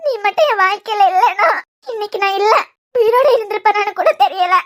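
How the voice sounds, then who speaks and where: A woman's voice: extremely high pitch, a little fast. A woman voicing a tearful young bride, the younger sister, in a cartoon series, pleading emotionally with a Kanyakumari Tamil accent.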